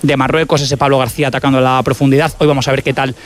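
A man's voice: mid-range voice, level tone, rapid-fire. A man with a Spain accent giving articulate, wordy football analysis on sports radio.

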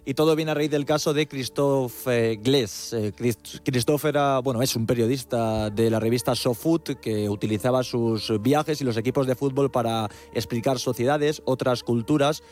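A man's voice: medium pitch, normal speed, few pauses, darkish tone, soft background music. A man hosting a sports radio show, introducing a guest with a presenter's delivery and small hesitations. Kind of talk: radio interview.

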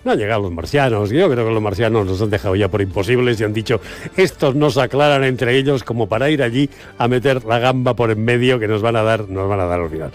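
A man in his sixties hosting a morning radio show, chatting and joking with quick agreeing interjections. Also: medium pitch. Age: 60s. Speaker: radio host. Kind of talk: casual morning radio chat. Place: radio studio.

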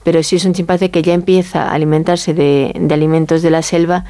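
She's a Galician interview guest with a Castilian accent, talking fast in a level, mellow, soft-edged voice pitched slightly low. Her explanations are informal and conversational, frequently punctuated by short tag questions asking for agreement.

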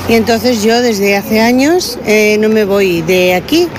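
A woman's voice: mid-range voice, unhurried. A woman from Spain giving a chatty, enthusiastic street interview outdoors. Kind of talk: street vox pop. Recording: street noise behind a field recording.

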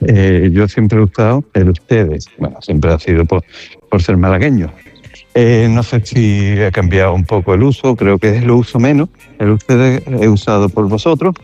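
A man from Málaga leaves a relaxed, personal voice message for a radio show. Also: low-pitched, highs cut off. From Málaga, Spain. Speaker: listener leaving a voice message. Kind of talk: recorded voice message.

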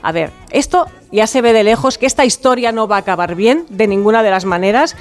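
A woman with a Spanish accent from Spain offers playful, chatty music commentary, jokey and a bit theatrical, like a radio segment. Her voice is on the high side, expressive and brisk, with disco music playing behind her.

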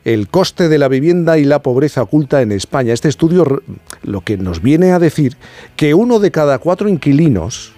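A man hosting a radio talk show, explaining statistics in a measured way. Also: on the high side, sing-song, mellow, no room sound. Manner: measured, explanatory, cites figures. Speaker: radio host.

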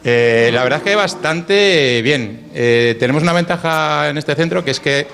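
A man from Madrid with a Madrid accent, a preschool teacher calmly explaining his classroom methods. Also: a little high, moderate pace. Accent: Madrid Spanish. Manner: easygoing, explains clearly. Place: classroom with children. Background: children's chatter.

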